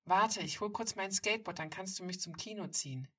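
Woman reading a bubbly teasing teen girl, husky and bright, mic kinda far. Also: medium pitch, a little fast, voice pushed up. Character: teenage girl, playful and bold.

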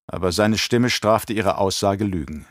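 Male audiobook narrator, measured storytelling read, dry close recording. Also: on the low side, dry recording.

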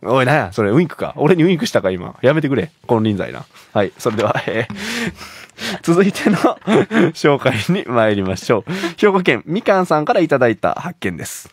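A man's voice: mid-range voice, big pitch swings, normal speed, slightly rough. A young man with an Osaka Kansai accent, co-hosting a radio show in casual, playful, teasing chat and reading out listener letters. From Osaka, Japan. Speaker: radio co-host.

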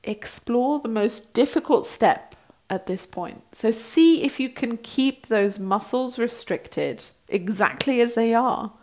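A woman in her thirties working as a breathwork instructor, gently guiding a practice in an unhurried way with pauses between instructions. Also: on the high side, lively intonation. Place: small bright indoor room, seated on a mat.

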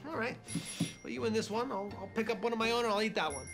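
A gravelly, manic job applicant. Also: male voice, high voice, animated, fast talker, over music. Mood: eager. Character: eager scruffy male job applicant.

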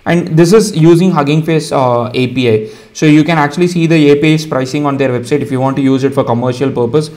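A man's voice: on the high side, fast talker, few pauses. Indian man talking through a coding tutorial. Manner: relaxed, explaining step by step with many fillers. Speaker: tutorial host. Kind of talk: casual screen-share coding tutorial.

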